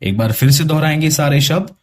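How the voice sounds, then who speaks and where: A man with a Hindi accent teaching English pronunciation, repeating practice words patiently in a slow drill. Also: on the high side. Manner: patient, drawn-out word repetition.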